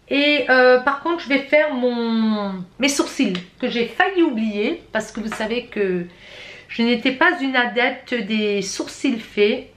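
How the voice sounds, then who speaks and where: A woman's voice: a little high, a bit bright. A middle-aged woman from France, chatting her way through a makeup tutorial, talking straight to her viewers and often correcting herself. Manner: chatty, self-correcting, addresses viewers directly. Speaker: beauty vlogger.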